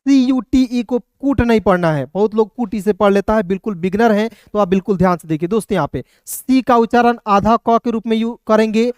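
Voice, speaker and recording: A man's voice: sits high, a little fast, hardly any pauses, clean tone, dry recording, studio quality. A man giving an online English reading lesson, spelling words out letter by letter and often addressing his viewers as friends. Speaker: English teacher.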